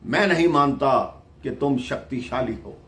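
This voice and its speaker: A man voicing a serene, fearless male sage who speaks calmly and quietly. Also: medium pitch, measured pace. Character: calm, serene male sage, gentle and unafraid.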